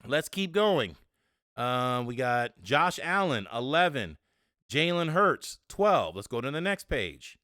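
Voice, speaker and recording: A man hosting a sports podcast, talking casually with animated, annoyed rhetorical questions. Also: medium pitch, takes it slowly, no room sound, studio quality. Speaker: podcast host.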